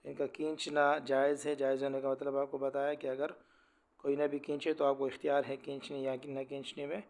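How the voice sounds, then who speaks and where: Male recitation tutor, smooth clear voice, fairly high and even in pitch, quick explanations broken by slow chanting. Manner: rapid explanations alternating with slow, drawn-out recitation. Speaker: Quran teacher. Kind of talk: tajweed lesson, spelling out letters.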